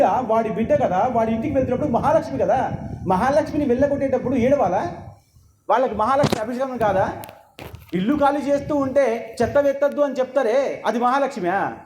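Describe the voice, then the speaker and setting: High-pitched man preaching, lots of rhetorical questions, echoey temple hall. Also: mellow, a little hiss or hum. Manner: emphatic, rhetorical questions, lecturing. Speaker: religious discourse speaker. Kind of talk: sermon. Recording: echoey hall with faint ambience.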